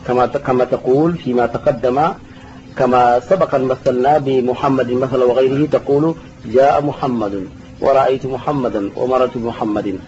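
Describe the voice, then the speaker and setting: Man teaching grammar, dark lo-fi recording. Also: mid-range voice, steady tone, moderate pace. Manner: patient, repeats terms, answers students. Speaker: sheikh teaching Arabic grammar. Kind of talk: classroom lesson explaining a text. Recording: dull lo-fi recording with faint hiss.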